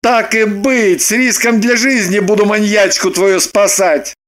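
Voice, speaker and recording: A woman voicing a grumpy, blunt adult brother with a gruff, scolding way of talking. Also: mid-range voice, fairly even intonation, unhurried, close to an everyday voice. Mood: grudging.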